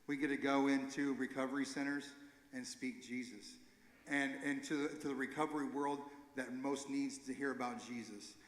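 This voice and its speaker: A man leading a recovery ministry gives an informal, earnest church talk, halting and correcting himself as he goes. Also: medium pitch, steady tone. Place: church sanctuary. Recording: echoey hall with long reverb.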